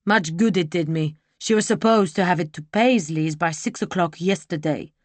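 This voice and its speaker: A woman voicing a gruff, blunt male smuggler in a slow, coarse drawl for an audiobook. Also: fairly low pitch, no room sound, close to an everyday voice. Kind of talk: audiobook character voice.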